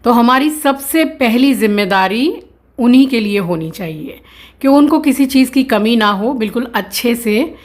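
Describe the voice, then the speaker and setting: A woman with a fairly high voice speaks to viewers in a casual home vlog. She explains pet care in an earnest, steady way. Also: normal speed. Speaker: vlogger.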